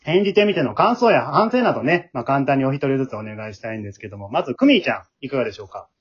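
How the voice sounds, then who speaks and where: A male host of an amateur drama group's aftertalk chats casually with children, interviewing them and encouragingly repeating their answers back. His medium-pitched voice is animated, rapid-fire, and husky. The sound is muffled and band-limited.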